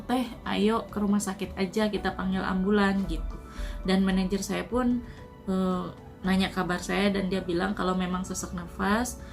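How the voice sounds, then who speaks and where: A woman from Indonesia talks through a personal story in an earnest, unhurried way, her phrases often tapering off softly. Her voice sits at an ordinary middle pitch. Faint music plays underneath. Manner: soft, earnest, often trailing off with "gitu". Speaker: Indonesian migrant worker sharing her COVID recovery. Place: at home.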